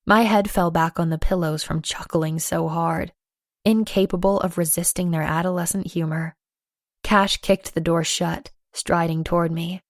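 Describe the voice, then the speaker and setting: A woman narrating a first-person romance audiobook, playful and lively with acted dialogue. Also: on the low side, moderate pace, dry recording, clean studio sound.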